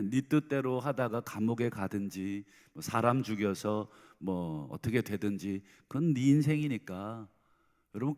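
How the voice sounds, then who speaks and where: A male pastor giving an earnest early-morning sermon, often turning to speak directly to his congregation. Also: medium pitch. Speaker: senior pastor. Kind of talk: dawn prayer sermon. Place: church sanctuary. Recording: long church reverb.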